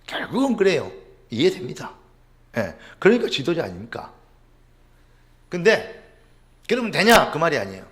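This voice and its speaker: Middle-aged pastor guy preaching, high voice that swings all over, asks the crowd questions then goes quiet. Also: huge pitch swings, moderate pace, long pauses. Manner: rhetorical questions, sudden drops to a low murmur. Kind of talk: sermon.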